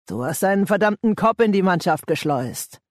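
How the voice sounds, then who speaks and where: A man reading an audiobook voices a threatening gang boss who growls his demands in a raised, forceful voice. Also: high voice, sing-song, normal speed, no echo, studio quality, voice pushed up. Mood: menacing.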